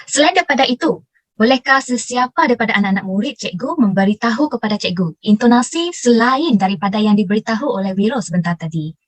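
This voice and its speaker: Young woman teacher, formal and encouraging, quick delivery, dry close sound. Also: a little high, lively intonation, no room sound. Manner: formal, encouraging, praises students.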